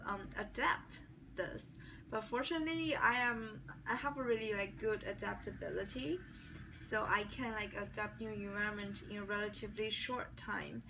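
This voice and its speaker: This young woman from China, who has a Chinese accent and is not a native English speaker, works through mock job interview questions full of restarts and fillers. Her mid-range voice sounds bright and forceful, captured from a distant mic over faint background noise.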